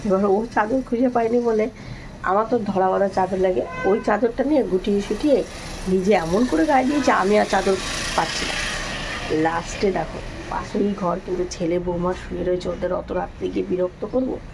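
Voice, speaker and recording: A woman's voice: medium pitch, fairly quick, gravelly, background noise. A middle-aged woman chatting casually to her viewers in a home vlog, addressing them as family and friends. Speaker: vlogger. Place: home, indoors and on a balcony.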